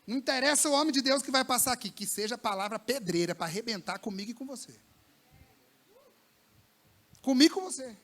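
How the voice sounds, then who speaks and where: Paulistano pastor guy preaching to the youth, bright sharp voice, super casual slang, goes loud then drops quiet. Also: very high voice, a little fast, pauses often. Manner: colloquial, slangy, swings between loud bursts and hushed lines. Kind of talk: lively sermon to young people. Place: church service with a live congregation.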